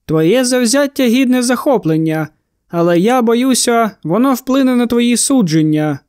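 A man's voice: very high-pitched, lively intonation, normal speed, a little mellow, clean tone, no echo, clean studio sound. A man voicing a cheerful, cocky male monster hunter in an audiobook, mocking and commanding. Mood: cool mocking. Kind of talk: audiobook character voice.

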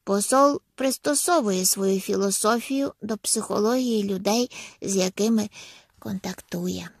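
Calm analytical man, measured, read by a woman narrator; husky, dry audiobook sound. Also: high voice, no echo, heavily acted. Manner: measured and explanatory.

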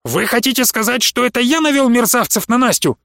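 A man doing a shrill, indignant professor. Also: no echo, studio quality, exaggerated voice. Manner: shrill, excitable, quick to snap. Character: touchy indignant middle-aged male professor.

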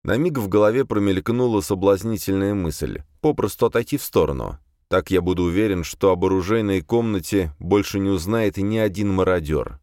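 A man narrating a first-person fantasy audiobook in a steady, measured way. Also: low voice, dry recording, clean studio sound.

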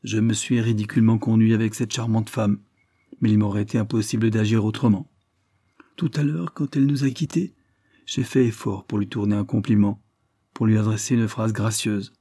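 Man voicing a brooding, bitter young lover, earnest monologue, dark husky tone, dry sound, literary audiobook. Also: fairly low pitch, fairly even intonation, normal speed, dry recording.

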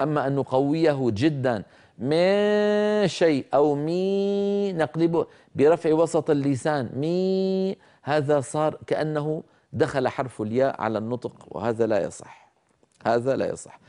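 A man teaching Quran recitation rules, explaining carefully and demonstrating sounds slowly, sometimes scolding common mistakes. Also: mid-range voice, mellow. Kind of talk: tajweed lesson with spoken demonstrations.

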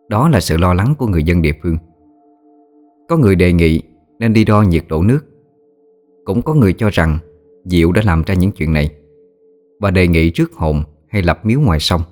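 A man narrating a ghost story in a measured, solemn way. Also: sits low, a little mellow. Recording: faint music bed. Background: faint music.

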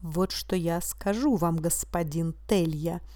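A woman's voice: mid-range voice, moderate pace, dry recording, clean studio sound, natural voice. A woman reading the part of a stern male judge who questions a suspect coldly and cuttingly. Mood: cold scornful. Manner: cold, cutting and insistent, flaring into anger.

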